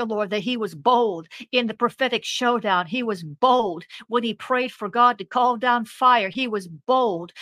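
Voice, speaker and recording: A woman's voice: fairly high pitch, a bit bright, no echo. A woman leading a fervent spoken prayer, with rhythmic repeated phrases that build into exclamations. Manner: repetitive, rhythmic, rising into exclamations; speaks in tongues briefly. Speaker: prayer leader.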